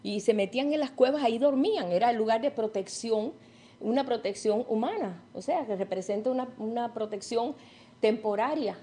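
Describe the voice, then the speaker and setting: A middle-aged woman teaches a Bible study, her voice slightly high yet soft and mellow. She retells old stories in her own words and keeps checking in with her listeners. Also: normal speed. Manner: retells stories with acted quotes, asks listeners questions.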